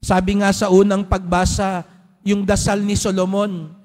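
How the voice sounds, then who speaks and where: Priest, male, very high voice, chatty storytelling sermon, long church echo. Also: level tone, normal speed, darkish tone. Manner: conversational storytelling with rhetorical questions. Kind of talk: Sunday homily. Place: large church. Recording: long church hall reverb.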